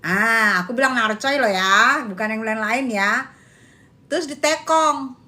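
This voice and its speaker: Gossip vlogger, woman, bright high voice, laughs a lot. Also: measured pace. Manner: laughs often, lots of exclamations; uses Jakarta slang. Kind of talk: casual gossip chat reacting to viewers.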